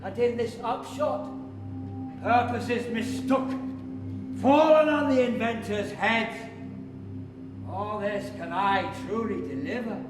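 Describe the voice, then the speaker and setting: An actor playing a loyal, grieving young friend in a stage tragedy, with solemn, measured declamation. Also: male voice, high-pitched. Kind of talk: theatrical stage tragedy in verse. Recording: distant reverberant hall, loud music.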